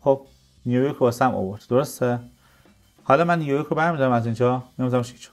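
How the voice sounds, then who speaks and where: A man teaching programming in a coding tutorial, explaining step by step and answering his own questions. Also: mid-range voice. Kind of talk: screen-recorded coding tutorial.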